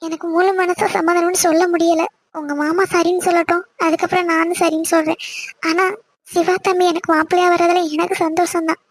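A woman's voice: extremely high pitch, little pitch movement, fairly quick, no echo. A woman voicing a worried middle-aged village mother who is afraid of her husband and speaks in a pleading, apologetic way in a cartoon. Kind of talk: Tamil cartoon voice acting.

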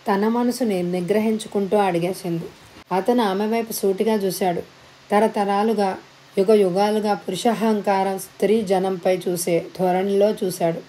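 A woman narrating an audiobook story with measured, dramatic phrasing. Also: mid-range voice, fairly even intonation, mellow, a little hiss or hum, low-quality recording.

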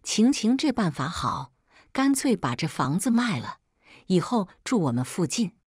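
A woman's voice: mid-range voice, sing-song, a little slow, slightly rough, dry recording, studio quality. Woman reading a firm young fiancé. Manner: firm, frowning. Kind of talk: scripted story narration.

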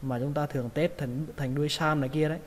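A man's voice: on the high side, steady tone, fast. A man with a Vietnamese accent teaching English pronunciation, patiently repeating each word. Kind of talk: pronunciation lesson. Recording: long reverb, faint ambient noise.

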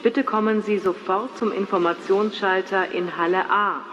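A woman's voice: mid-range voice, fairly even intonation, normal speed, fairly bright tone, close to an everyday voice. A woman acting a formal airport announcer, reading a scripted paging message. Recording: dull, reverberant airport PA, faint noise.

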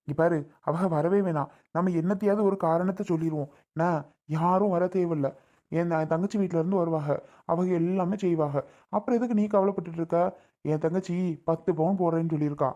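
A woman's voice: lowish voice, fairly quick, dark tone, close to an everyday voice. A woman playing a blunt, protective husband. The husband is insistent and scolding, pressing the same demands again and again. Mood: reassuring. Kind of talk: family drama skit.

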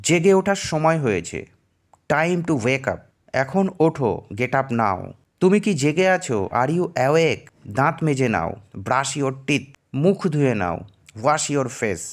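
Man reading slow bilingual phrase pairs. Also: fairly high pitch, sing-song. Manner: says each Bangla phrase, then its English translation slowly. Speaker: English teacher.

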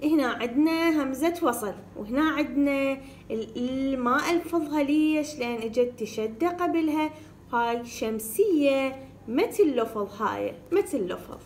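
A woman teaching first graders to read, sounding out syllables slowly and repeating each word. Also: high-pitched, lively intonation, a little mellow, slight background noise. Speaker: primary school teacher. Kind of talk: reading lesson for first graders.

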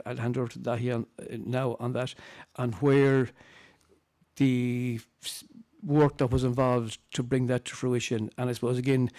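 An Irish man in middle age presents at a conference in a flat, mellow voice. His delivery is halting, with words often repeated, and the sound is close and dry. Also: mid-range voice, no echo. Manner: halting, repetitive phrasing. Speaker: campaign speaker on a panel. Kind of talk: conference presentation, loosely spoken. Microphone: table microphone.

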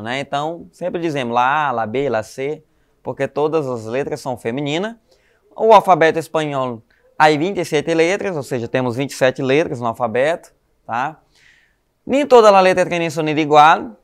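A man's voice: fairly high pitch, smooth. A man with a Brazilian Portuguese accent teaching a Spanish class to schoolchildren, explaining patiently and tagging sentences with "né?" and "tá?". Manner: explanatory, frequent "né?" and "tá?" tags; calls students "galerinha", spells letters slowly. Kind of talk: recorded online class for schoolchildren.

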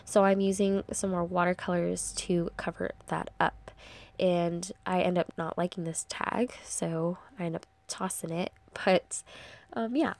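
A young adult woman hosting a crafting channel chats casually over a tutorial voice-over, rambling with plenty of ums, her voice congested and stuffy. It is on the low side and a little mellow, fairly even in intonation and a little slow.

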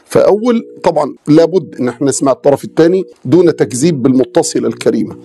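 A man with an Egyptian accent, a religious scholar calmly explaining and giving advice on a talk show. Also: on the high side, quick pace, creaky, slightly rough. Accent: Egyptian Arabic. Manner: calm, explanatory, quotes sayings. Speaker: Islamic scholar, sheikh.

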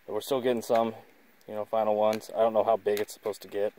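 A young man hosting a casual outdoor cooking demonstration beside a highway, explaining things in an easygoing, joking way. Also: flat delivery, quick pace, mellow. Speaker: vlog host. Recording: noisy outdoor phone recording.

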